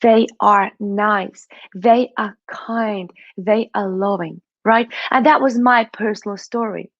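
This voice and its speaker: Speaking slowly in a mid-range, slightly bright voice, a Russian-accented woman coaches on money mindset in a motivational talk. She quizzes the listener and keeps checking in with "right?" and "okay?", on a muffled recording with no room sound.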